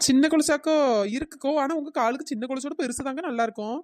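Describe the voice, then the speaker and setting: A woman's voice: high-pitched, quick pace, a little mellow, dry recording, close to an everyday voice. Chinna Ponnu, a woman doing a cheeky village girl. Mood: teasing. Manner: teasing, wisecracking, melodramatic wailing when scared. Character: young village girl bangle-anklet seller, cheeky. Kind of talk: cartoon voice acting.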